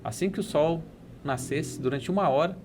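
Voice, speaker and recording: A man's voice: a little high, normal speed, darkish tone, slight background noise, lightly acted. A Brazilian man voicing a devout, humble man in a parable he tells, pleading and reverent, with a Brazilian Portuguese accent.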